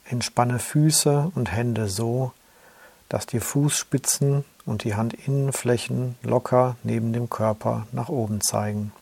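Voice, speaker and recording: A man slowly guiding a yoga nidra relaxation in a calm, soothing way. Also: mid-range voice, creaky, husky. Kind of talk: guided relaxation instructions.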